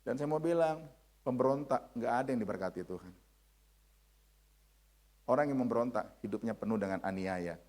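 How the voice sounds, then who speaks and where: A man in his thirties preaching a sermon in a church, forceful, dropping to hushed lines and rising to shouted ones. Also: medium pitch, expressive, moderate pace, long pauses. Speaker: pastor. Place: church sanctuary.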